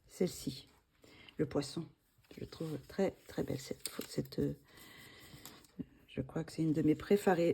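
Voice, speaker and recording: A woman's voice: lowish voice, creaky, mellow, breathy edge. A woman hosting a coloring vlog, casually showing her favorite pages with many hesitations and restarts. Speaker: coloring channel host. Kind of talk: casual show-and-tell vlog.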